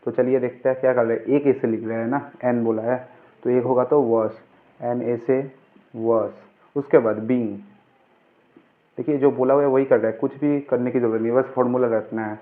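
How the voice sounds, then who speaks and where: A male informal grammar tutor instructs by asking questions and answering them himself. His mid-range voice keeps fairly even intonation at a normal speed. The recording is muffled and narrow-band, like a phone.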